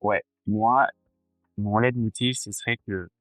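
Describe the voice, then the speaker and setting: A man in his forties talks as a cardiologist guest in a relaxed interview. His voice sits somewhat low, and he hesitates often, filling gaps and restarting his sentences. The sound is close and dry, with faint music in the background. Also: slow pace, dry recording. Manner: hesitant, many fillers and restarts. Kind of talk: casual interview chat.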